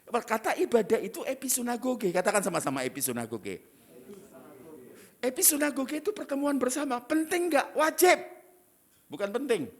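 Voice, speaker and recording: A middle-aged man, preaching a sermon as pastor in a lively, teasing manner with asides. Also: very high-pitched, moderate pace.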